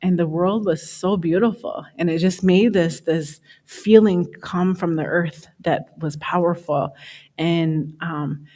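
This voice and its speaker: A woman's voice: fairly low pitch, fairly even intonation, slow pace, mellow. A middle-aged woman speaking at a summit, telling a personal story in a loose, conversational way, often repeating "he says" and "you know".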